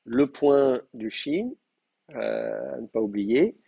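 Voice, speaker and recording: A man's voice: medium pitch, takes it slowly, vocal fry, breathy edge, no echo, muffled recording. A man teaching an advanced class in a live lecture, explaining patiently with frequent hesitations and fillers. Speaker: Hebrew teacher.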